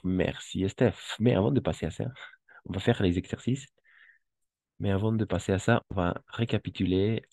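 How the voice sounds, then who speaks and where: A man with a fairly low, gravelly voice and a dark tone teaches French to a class, heard in a dry recording. He speaks slowly and patiently, repeating each word so students can drill it in this classroom lesson.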